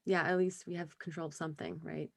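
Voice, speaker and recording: A woman's voice: low voice, little pitch movement, fast, creaky. A woman hosting a casual podcast interview, upbeat and giggly, encouraging her guest. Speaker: podcast host.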